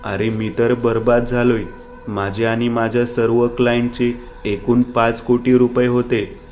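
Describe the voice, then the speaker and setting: A man's voice: mid-range voice, monotone, unhurried, darkish tone, faint music behind, close to an everyday voice. A man voicing a scheming false friend. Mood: alarmed.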